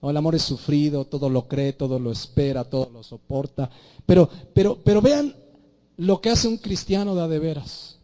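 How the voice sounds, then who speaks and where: A man's voice: a little high, moderate pace, mellow. A man with a Mexican accent preaching a sermon in a conversational way, asking rhetorical questions and acting out short dialogues. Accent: Mexican Spanish. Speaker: pastor.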